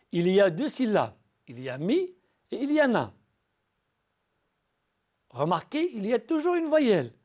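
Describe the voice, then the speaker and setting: A male teacher with a high voice and darkish tone gives a recorded lesson at school. He addresses the pupils patiently, spelling syllables slowly and often going back to repeat or restart words.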